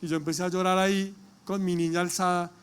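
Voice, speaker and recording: A male pastor preaching a sermon, telling a personal testimony with emotion and rising to loud calls to the congregation. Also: high-pitched, little pitch movement, fast, clear, resonant tone.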